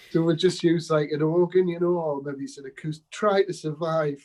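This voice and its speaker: A man's voice: on the high side, steady tone, normal speed, a little mellow, slight background noise, low-quality recording. Chatty man telling music anecdotes. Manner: rambling anecdotes with laughs, quoting people. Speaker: interviewed musician. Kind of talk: casual storytelling interview.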